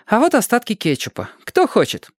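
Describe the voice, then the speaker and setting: A reader voicing a quick-tempered young girl who scolds her friends in a storybook reading. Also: mid-range voice, huge pitch swings, no echo, clean studio sound, voice pushed up. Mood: scolding. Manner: scolding, exasperated.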